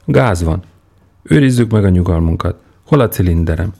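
A man voicing a boisterous, manic young airman who laughs wildly and shouts excitedly. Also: low-pitched, creaky, heavily acted. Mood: bossy.

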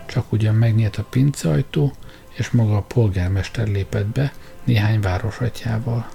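Gravelly, dark-voiced male storyteller. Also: lowish voice, soft background music. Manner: dramatic storytelling. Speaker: narrator. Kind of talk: audiobook reading.

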